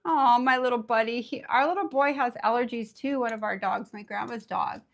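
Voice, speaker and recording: A woman with a raspy voice, under the weather, teaching nail art in a bubbly, chatty live tutorial. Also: on the high side, fairly quick. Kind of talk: casual live tutorial chat.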